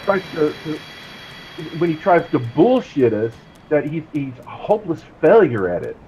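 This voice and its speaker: A man's voice: fairly high pitch, big pitch swings, moderate pace, lo-fi sound, background noise. A man on voice chat teasing a friend, repeating himself and swearing casually. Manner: teasing, repetitive, profane.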